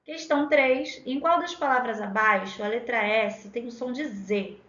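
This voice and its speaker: A woman teacher with a Rio de Janeiro accent, giving an exam-prep lesson and spelling out words sound by sound with drawn-out syllables. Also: fairly high pitch, fairly bright tone. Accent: Rio de Janeiro Portuguese. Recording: echoey lo-fi room.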